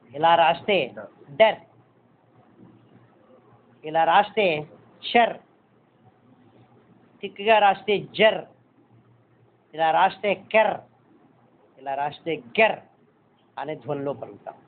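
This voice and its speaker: A man's voice: high-pitched, slow pace, long pauses. Man teaching, tinny phone-like sound. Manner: patient, repeats points and checks understanding. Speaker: shorthand teacher. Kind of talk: step-by-step classroom instruction.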